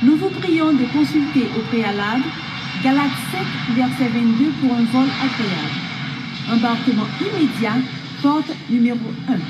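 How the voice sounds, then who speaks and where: A woman's voice: fairly high pitch, lively intonation, moderate pace. A woman voicing a polite airline gate announcer, making a formal boarding announcement over an airport intercom. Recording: distant voice with background noise.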